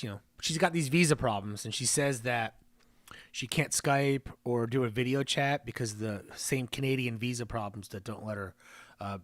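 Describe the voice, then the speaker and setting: A man's voice: lowish voice, no echo. A man hosting a live stream, chatting casually, joking and reading viewer comments aloud. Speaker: livestream host.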